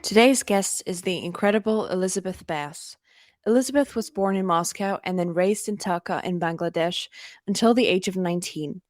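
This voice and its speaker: A woman hosts a podcast, reading her introduction in a clear, measured way. Her voice sits slightly low, and the sound is dry and close. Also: no room sound, soft background music. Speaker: podcast host. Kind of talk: scripted intro and interview questions.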